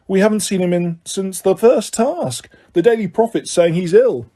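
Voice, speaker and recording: A man's voice: high-pitched, expressive, moderate pace, warm tone, pitched above the performer's own voice. A man voicing an earnest teenage wizard boy who talks in a plain, curious, friendly way. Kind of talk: audiobook character voice.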